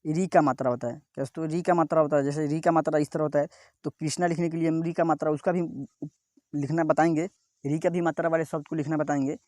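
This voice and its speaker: A male teacher giving a step-by-step reading lesson, sounding out each syllable slowly and repeatedly asking his viewers "what, friends?". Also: a little high, darkish tone, dry recording, studio quality.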